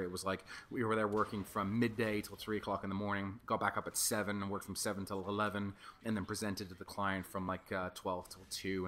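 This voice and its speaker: Young guy rambling a story over gameplay, talks quick, bright voice, swears a lot. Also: sits low. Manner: chatty, swears freely, many fillers. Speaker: gaming commentator.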